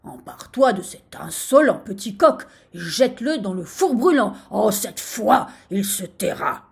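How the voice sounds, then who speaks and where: Pompous sultan, shouts orders, storybook; a woman voices it; slow, animated. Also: mid-range voice, creaky, slightly rough, heavily acted. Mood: commanding. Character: furious pompous sultan, loud and bossy. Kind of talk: storybook reading.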